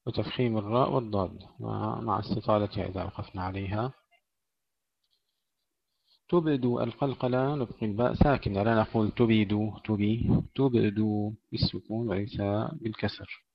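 A man teaching Quran recitation, moving between slow melodic recitation and brisk spoken explanation of pronunciation. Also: on the low side, creaky, husky, no room sound, dull audio.

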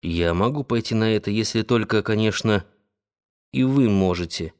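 A man reading the lines of a confident wealthy financier, speaking softly and persuasively. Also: lowish voice, moderate pace, smooth, lightly acted. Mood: coaxing. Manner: soft, gently persuasive. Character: confident wealthy male financier, tender and coaxing.

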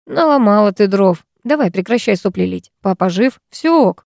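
A woman's voice: medium pitch, lively intonation, normal speed, creaky, a little mellow, no room sound, studio quality. A woman narrator voicing a reproachful older brother who speaks curtly and scoffs. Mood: scornful. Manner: reproachful, snorting, curt. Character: gruff, scornful older brother.

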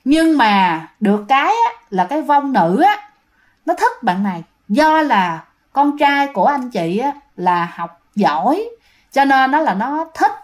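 Southern vietnamese girl telling a ghost story, kinda high voice, chatty, lots of fillers and repeats. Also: very animated, measured pace. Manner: chatty, many fillers, repeats words for suspense. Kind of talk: casual spoken storytelling to listeners.

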